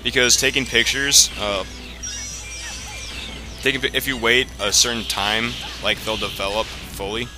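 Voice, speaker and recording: Over video game music and sound effects, a man hosting a let's play rambles through explanatory commentary, peppered with frequent profanity. He has a mid-range voice with a steady tone, a measured pace, and frequent pauses.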